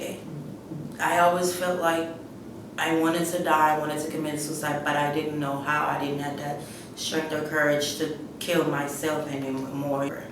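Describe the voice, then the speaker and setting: In this unscripted personal account, a Guyanese woman of middle age recounts her life in a voice that is low, flat and hesitant. Rumbling noise sits under the audio, and the faraway microphone picks up the room's echo.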